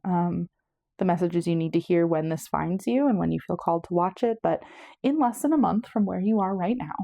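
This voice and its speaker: Mellow, low-voiced woman tarot reader. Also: brisk, vocal fry, no echo. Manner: chatty, meandering, self-correcting. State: slightly out of breath. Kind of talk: casual pick-a-card tarot reading.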